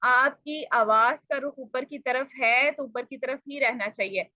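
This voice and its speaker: Speaking politely to her learners, this female tajweed teacher demonstrates pronunciation by saying sounds slowly, over and over, and explaining with patience. Her voice is slightly high. The audio is dry, somewhat dull, and free of any room sound.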